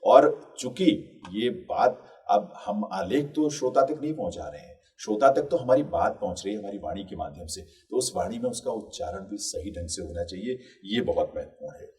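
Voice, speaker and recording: A man lectures in a low, mellow voice, explaining step by step with frequent filler pauses and stressing key words to show their effect. He sounds set back somewhat from the microphone. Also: expressive, far from the mic. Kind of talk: recorded lecture.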